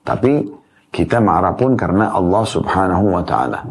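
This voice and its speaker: Low-voiced man giving a religious lecture. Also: sing-song, moderate pace, husky. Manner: conversational, repeats key points, frequent tag words. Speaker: Islamic religious teacher.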